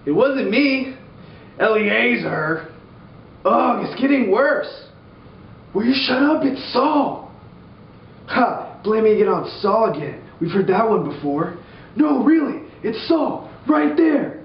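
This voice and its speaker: A man's voice: extremely high pitch, lively intonation, slow pace, pitched above the performer's own voice, full character voice. A man voicing squabbling, indignant young warriors hiding in a cave, in comic storytelling dialogue with exclamatory delivery. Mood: bickering, exasperated. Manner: bickering, exclamatory. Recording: roomy, distant, muffled with faint noise.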